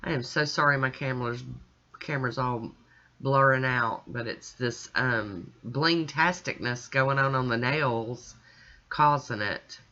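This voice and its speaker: A woman's voice: rumbling low, a little slow, pushed and bright, dull audio. A woman chatting casually as she talks the viewer through her nail art, step by step. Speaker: nail art channel host.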